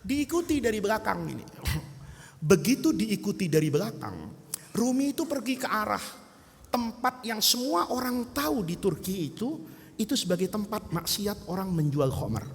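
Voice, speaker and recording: A man's voice: sits high, sing-song, normal speed, gravelly. A man preaching a humorous sermon, telling a story and acting out its characters with jokey asides. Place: mosque or hall gathering. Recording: long hall reverb.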